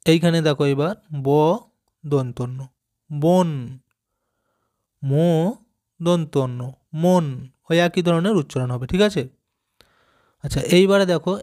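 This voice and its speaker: A man gives a patient reading lesson to small children. He sounds out each letter slowly and keeps asking gentle questions to check they follow along. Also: on the high side. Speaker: teacher. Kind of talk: primary school reading lesson.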